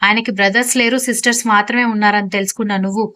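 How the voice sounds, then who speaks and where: A man's voice: high-pitched, flat delivery, racing, sharp tone, smooth. A woman narrator voicing a sarcastic young male colleague in an audio story, with a mocking tone.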